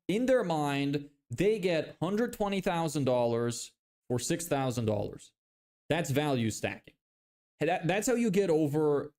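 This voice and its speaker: With a slightly high voice and a Lithuanian accent, this twenty-something man from Lithuania runs a laid-back live stream. Reading out viewers' questions, he talks through sales ideas loosely, often using fillers and starting over.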